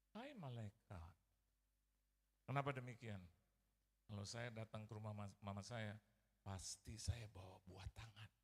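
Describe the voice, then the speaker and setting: A man's voice: medium pitch, creaky. A middle-aged male pastor preaching a sermon as a personal story, acting out quoted voices and mixing in English phrases. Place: large church hall. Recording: church hall reverb.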